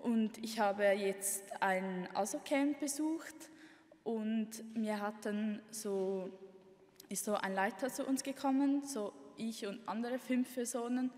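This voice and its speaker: A woman's voice: on the high side, takes it slowly, a little mellow. Hesitant teenage girl from Italy. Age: teens. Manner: hesitant, apologetic, many fillers. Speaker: youth camp participant. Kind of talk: unscripted speech on stage. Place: conference hall. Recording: hall reverb.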